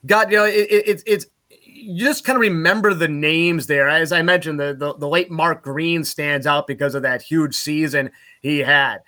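A man from Utica, New York, a sports broadcaster guest, telling lively anecdotes casually and laughing at his own stories. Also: on the high side, moderate pace. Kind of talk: casual podcast storytelling.

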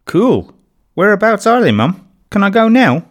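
A man voicing an excited, curious young schoolgirl who asks eager questions. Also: mid-range voice, normal speed, lightly acted.

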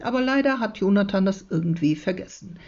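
A woman teacher reading a children's book aloud to her class in a calm, measured storytelling manner. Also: mid-range voice. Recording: dull, muffled lo-fi recording.

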